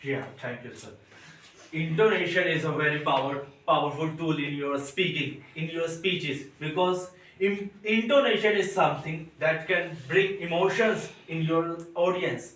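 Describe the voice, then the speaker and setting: A male student with an Indian English accent giving a practice speech, deliberately raising and lowering his voice. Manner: deliberate, shifting loudness for effect. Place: classroom. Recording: echoey room from far off.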